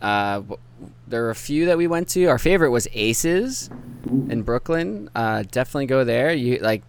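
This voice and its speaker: A man's voice: mid-range voice, animated, normal speed, slight background noise. A man hosting a podcast in casual chat, laid-back, laughing often and trailing off mid-sentence. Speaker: podcast host.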